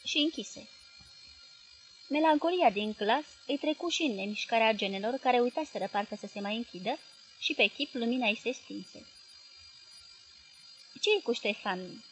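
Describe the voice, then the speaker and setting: A woman reading a novel aloud as an audiobook narrator, steady and measured. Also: on the high side, poor audio. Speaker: audiobook reader. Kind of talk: scripted narration.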